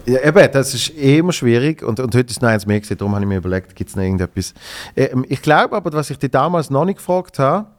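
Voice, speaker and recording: A man with a Basel Swiss German accent, hosting a podcast and chatting in a relaxed, easy way. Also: mid-range voice, quick pace, hardly any pauses. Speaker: podcast host. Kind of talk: casual chat.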